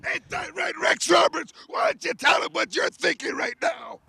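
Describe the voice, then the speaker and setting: A man delivering a boastful wrestling promo as a manager, shouting his hype in a gravelly voice. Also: very high voice, normal speed.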